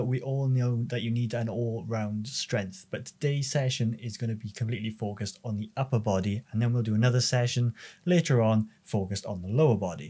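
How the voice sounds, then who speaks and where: A man's voice: medium pitch, darkish tone. A man, explaining gym exercises as a strength coach in a practical, plain way. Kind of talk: instructional workout voice-over. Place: large indoor gym.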